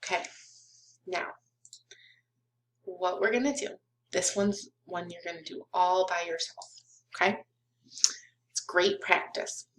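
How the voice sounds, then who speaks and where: Slow-paced young woman teaching kids, roomy sound. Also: fairly low pitch, steady tone, slight background noise. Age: young adult. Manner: simple, encouraging kids show host delivery, asking questions and counting along. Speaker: kindergarten math teacher. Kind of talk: recorded children's lesson, talking directly to pupils. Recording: roomy, echoey webcam sound.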